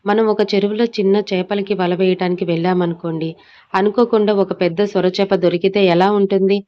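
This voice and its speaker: A woman's voice: mid-range voice, fairly even intonation, brisk, lo-fi sound, close to an everyday voice. A mocking young villain, as a woman narrator reads him. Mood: boastful, menacing. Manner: taunting, falsely sweet. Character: scheming young male kidnapper, mocking and cruel.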